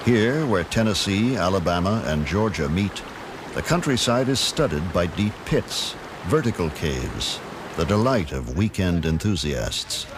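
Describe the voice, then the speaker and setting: A man reading scripted nature documentary narration in a measured, dramatic storytelling manner. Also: deep voice, lively intonation, noisy background. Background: music.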